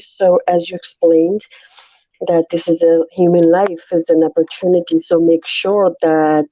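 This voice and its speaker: A woman with a North Indian accent speaking haltingly as she shares her reflections in an informal scripture discussion. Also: lowish voice, dark tone, no room sound, lo-fi sound. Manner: halting, searching for words. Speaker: discussion participant.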